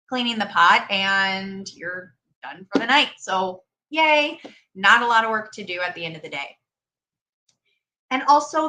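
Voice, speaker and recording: A woman's voice: medium pitch, bright, forceful tone. A woman hosting a casual solo chat, talking in an upbeat, chatty way with lots of fillers. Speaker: podcast host.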